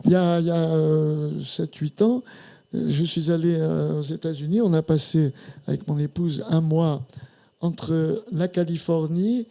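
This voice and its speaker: An older man with a high, gravelly voice tells a story about a tour, reading out the lines of the people he met. His tone is dark and mellow, and he speaks in a lively, theatrical way. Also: a little slow. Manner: animated storyteller acting out quoted dialogue. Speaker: guest singer. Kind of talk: telling an anecdote on a talk show.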